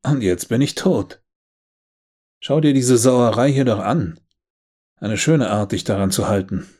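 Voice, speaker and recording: A man's voice: lowish voice, normal speed, a little mellow, husky. A man doing a brash, indignant dead young woman. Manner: snappy, sarcastic and hissing.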